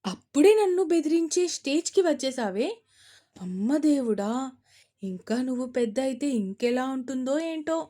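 In an audio story, a woman reads a strict young mother who scolds her family and stammers when cornered, in a scolding mood. The voice is fairly high, close to the reader's own, mellow, at normal speed and lightly acted.

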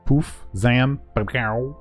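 A gaming video creator draws out his words in a mid-range voice while giving a lighthearted quest guide over gameplay. He keeps it playful and informal, voicing paraphrased dialogue and silly sound words, with background music.

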